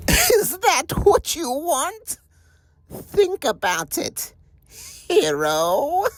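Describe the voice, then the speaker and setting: Evil goblin supervillain, high pitched, super slow menacing taunts, theatrical as hell. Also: male voice, huge pitch swings, a bit bright, dry recording, studio quality, heavily acted. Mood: menacing, persuasive. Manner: theatrical, drawn-out taunting delivery with sudden pitch swoops. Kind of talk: villain monologue, amateur voice acting.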